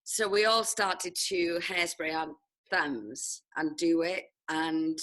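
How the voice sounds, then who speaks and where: A Welsh head of sixth form from South Wales is a guest in a casual interview. She talks about her schooling at a slow pace, her lowish voice fairly bright, and she laughs often at her own expense.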